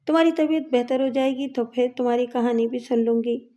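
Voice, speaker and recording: A woman's voice: fairly high pitch, warm tone, lightly acted. A woman reading the lines of a bossy but caring woman inmate who gives firm advice. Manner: firm, commanding.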